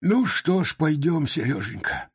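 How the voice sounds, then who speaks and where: A man doing a husky, tearful old grandfather. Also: sing-song, measured pace, no echo, studio quality, heavily acted. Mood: dismayed, helpless. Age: older. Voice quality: hoarse, croaky falsetto when calling. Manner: pleading, helpless, anxious. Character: frail, tearful old male street performer.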